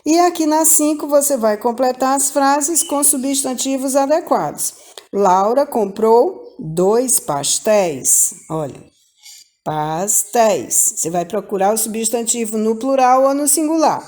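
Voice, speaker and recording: Woman, Brazilian Portuguese accent, primary school teacher; patient, very slow, warm mellow tone. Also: high voice, expressive. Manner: slow, patient, repeats examples with rising emphasis. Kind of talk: grammar lesson for children.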